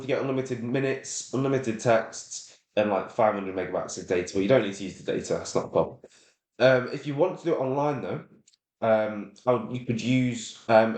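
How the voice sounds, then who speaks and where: A man walks through a screen-share tutorial in a loose, casual way, dropping "um"s and the odd swear word. His voice sits at a middling pitch. The room around him adds a noticeable echo. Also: darkish tone. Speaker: course instructor.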